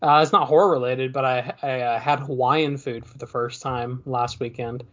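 A man's voice: mid-range voice, steady tone, normal speed, a bit bright, dull audio. A man chatting casually as a podcast co-host in an easygoing, rambling, hesitant way. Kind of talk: casual chat.

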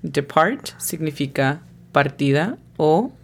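A woman with a low voice leads a scripted language lesson at an unhurried pace. She is patient and spells out every pronunciation letter by letter. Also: expressive. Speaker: English teacher and host.

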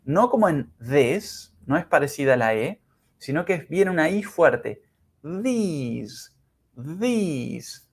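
A man teaching English pronunciation in a podcast lesson, speaking carefully and demonstrating sounds slowly. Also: a little high, animated, slightly rough. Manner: slow, careful, exaggerated pronunciation drills.

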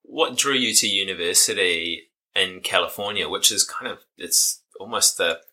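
Deep-ish bright new guy hosting a podcast, easygoing, lots of ums. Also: moderate pace. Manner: relaxed, chatty, frequent fillers. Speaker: podcast host. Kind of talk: casual podcast chat.

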